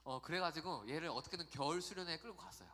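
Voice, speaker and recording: Male youth pastor, animated storyteller, bright voice, church hall reverb. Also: fairly high pitch, quick pace. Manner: chatty, animated storytelling with acted quotes. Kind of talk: youth sermon. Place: church sanctuary.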